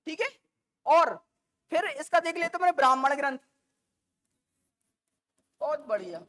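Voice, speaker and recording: A woman teacher lecturing a class, repeating and dictating key terms slowly and addressing the students affectionately. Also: high-pitched, lively intonation, fairly bright tone. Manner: calls students "beta" and "bachche".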